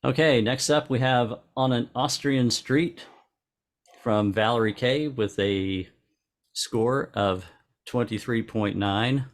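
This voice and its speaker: A man presenting club entries and giving halting photo critiques with many restarts. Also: medium pitch.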